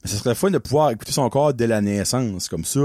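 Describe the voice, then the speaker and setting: Animated Quebec French man, joking. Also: medium pitch, fast talker, dry recording, clean studio sound. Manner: loose, joking, slangy, with English words mixed in. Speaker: podcast co-host. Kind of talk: casual podcast chat.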